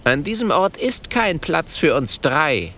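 A man's voice: a little high, very animated, a little slow, bright, forceful tone, voice pushed up, exaggerated voice. A man voicing a brave little boy dragon who gives bold commands.

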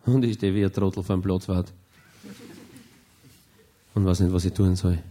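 A man with an Austrian German accent performing a stand-up monologue, telling a rambling story in a deadpan way with hesitations. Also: low-pitched, moderate pace. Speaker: comedian.

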